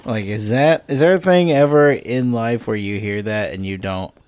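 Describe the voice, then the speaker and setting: Brief: male streamer, lower voice, chatty and self-mocking, faint noise behind. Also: moderate pace, darkish tone. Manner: joking, rambling, self-mocking. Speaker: game streamer. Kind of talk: casual live-stream commentary.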